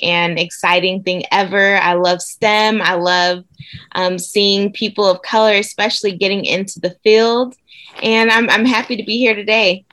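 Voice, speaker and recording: A woman's voice: mid-range voice, bright, forceful tone. A young adult woman from Nigeria, a doctor guest answering interview questions with upbeat enthusiasm. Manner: enthusiastic, upbeat, frequent fillers.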